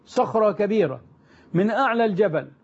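A man with an unusually high voice tells an old religious story as a storyteller. He is emphatic, rephrasing and repeating lines to press them home. The recording is dull and lo-fi. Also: expressive, fairly quick. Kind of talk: retelling early Islamic history.

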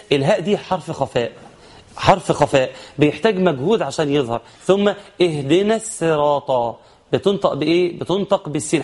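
A man with an Egyptian accent teaching Quran recitation rules, explaining quickly and then chanting verses slowly. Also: a little high, darkish tone, breathy edge. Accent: Egyptian Arabic. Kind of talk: tajweed lesson with chanted examples.

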